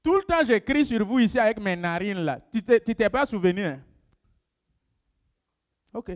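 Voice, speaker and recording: A man preaching a sermon as pastor of his church, emphatic and repetitive, often acting out members of his congregation in a lowered voice. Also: expressive, moderate pace. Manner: emphatic, repeats phrases for stress.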